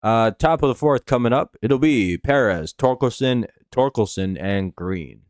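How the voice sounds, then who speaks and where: A man's voice: medium pitch, animated, unhurried, no echo, studio quality. An American man with a slight lisp and whistling s from false teeth, giving casual, rambling, sweary play-by-play on a live sports stream. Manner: rambling, profane, laid-back fan talk. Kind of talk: casual play-by-play commentary and chat.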